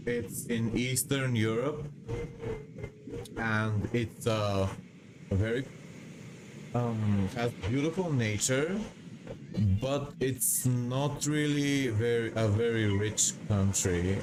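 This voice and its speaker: A man's voice: mid-range voice, slow pace, long pauses, noisy background. A man from Bulgaria, live streaming a game and chatting in a hesitant, rambling way as he reads the chat aloud. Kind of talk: casual live-stream chat while gaming.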